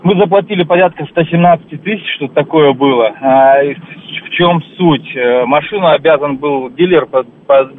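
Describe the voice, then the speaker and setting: A man's voice: on the high side, moderate pace. A man calling in to a radio show by phone, talking hesitantly as he searches for details. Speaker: caller. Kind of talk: phone-in conversation. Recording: muffled phone call with car noise.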